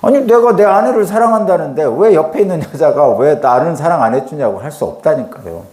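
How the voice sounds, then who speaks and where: A man's voice: fairly high pitch, animated, a little fast, a little mellow, reverberant. A middle-aged male pastor preaching a dawn sermon in a conversational way. He acts out dialogue and asks rhetorical questions.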